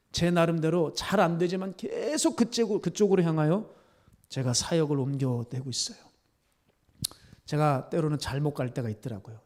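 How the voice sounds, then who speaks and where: A man preaching a sermon as pastor, telling a story that swings from soft near-whispers to tearful, fervent climaxes. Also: medium pitch. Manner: storytelling, rising to emotional fervor, dropping to soft near-whispers.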